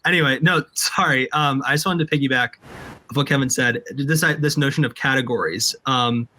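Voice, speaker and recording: A man moderates a panel over a video call in a chatty, casual way. His speech is loose and full of fillers. His pitch is ordinary. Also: fairly quick, sharp tone. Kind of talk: live panel discussion.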